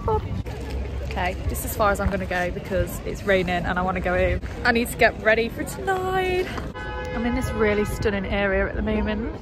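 A woman's voice: medium pitch, lively intonation, fairly quick, music in the background. A young woman in her twenties, chatting and gushing in a casual travel vlog, filmed on a phone at arm's length outdoors in a city. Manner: chatty and gushing, repeats stunning. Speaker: travel vlogger. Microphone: phone held at arm's length. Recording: loud street traffic noise. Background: city traffic and street noise.

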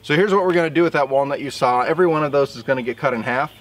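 A sawmill operator in his thirties from southern Indiana casually explains his work for an outdoor how-to vlog, recorded on a camera mic in a field. His mid-range voice races along.

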